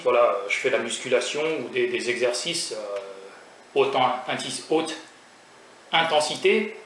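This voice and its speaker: His voice is medium in pitch and a bit bright: a young man raised in France, chatting casually as a food vlogger. He hesitates often, with plenty of fillers and restarts, and his humor is self-mocking; the sound is echoey and faintly noisy, picked up off mic from a distance.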